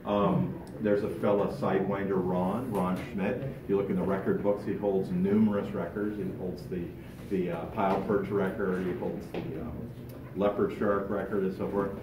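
A man's voice: deep voice, moderate pace, distant mic, noisy background. Man giving a casual club talk, echoey room. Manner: animated, gestures a lot while talking. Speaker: club speaker. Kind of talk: informal talk to a fishing club. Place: large meeting room. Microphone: far camera, no mic.

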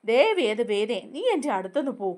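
A woman's voice: a little high, fairly quick, a little mellow, natural voice. A woman voicing an injured, irritable young man from a TV serial who speaks in snappish, dismissive lines. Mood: irritated.

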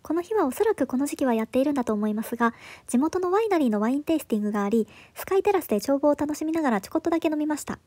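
Brisk, high-voiced woman narrating a hotel tour. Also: animated, mellow. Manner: upbeat, enthusiastic reviewing. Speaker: travel vlogger. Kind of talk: scripted voice-over narration.

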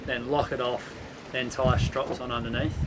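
A man's voice: mid-range voice, flat delivery, moderate pace, noisy background. A young Australian man, a sailing vlogger, talking casually and explaining boat chores. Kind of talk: casual vlog chat. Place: catamaran deck outdoors, later a house porch.

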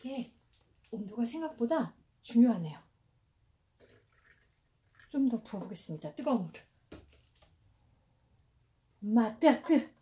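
A woman's voice: on the high side, big pitch swings, a little slow, pauses often, mellow. A young mother in her home, narrating play with her baby in a cooing, exclamatory, sing-song way. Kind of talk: playful parenting vlog narration. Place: home indoors.

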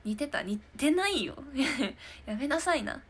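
Her high voice is very animated yet measured in pace. She's an idol in her twenties hosting a live stream talk show, casually answering viewer comments while giggling, chatting, and laughing often.

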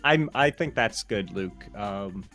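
A man's voice: on the low side, expressive, slow, fairly bright tone, faint music behind. A young man co-hosting a casual podcast over a video call, talking through a headset mic from a small room at home, with a joking, wry manner. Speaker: podcast co-host. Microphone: headset with boom mic on video call.

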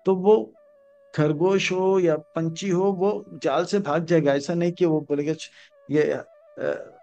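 Male spiritual teacher giving a sermon with stories and slow chanted verses, high voice, dull lo-fi recording with faint music behind. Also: steady tone, dark tone. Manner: chants Sanskrit verses slowly, acts out story characters. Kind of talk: Hindi scripture discourse with stories.

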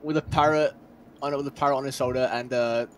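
A man's voice: mid-range voice, fairly even intonation, fast, slight background noise. A man in casual gaming chat with friends, playful and telling silly jokes. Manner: playful, tells silly jokes through laughter.

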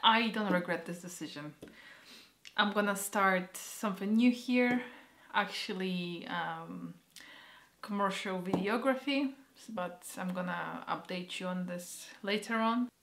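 A young woman from Poland, giving a personal vlog update in a halting, hesitant way that often drops to a soft near-whisper. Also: mid-range voice. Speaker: vlogger.

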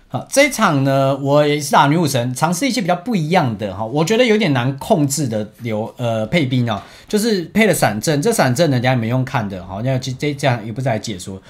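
A young esports team captain tells a story in Mandarin with a Taiwanese accent, loose and chatty over gameplay. His pitch constantly leaps up and drops back, giving him a lively sound, and he laughs often between sentences.

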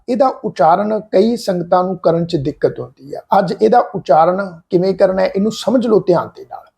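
High gravelly Punjabi man teaching pronunciation. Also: warm tone. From Punjab, India. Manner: spells words letter by letter, repeating sounds slowly. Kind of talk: slow, deliberate pronunciation lesson.

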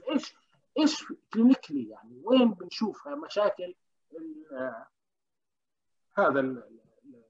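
A man giving an interactive medical lecture, often questioning the class and pausing with hesitations. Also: high-pitched. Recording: dull lo-fi recording.

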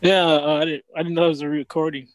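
A man's voice: fairly high pitch, little pitch movement, fast. A man joining in on a video call, speaking hesitantly and restarting his sentences. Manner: hesitant, repeats his starts. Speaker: meeting participant. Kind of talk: casual chat on a video call.

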